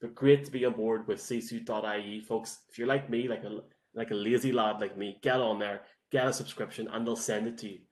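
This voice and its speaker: A man's voice: on the low side, steady tone, a little fast. An Irish man hosting a sports show in a casual, chatty and enthusiastic way.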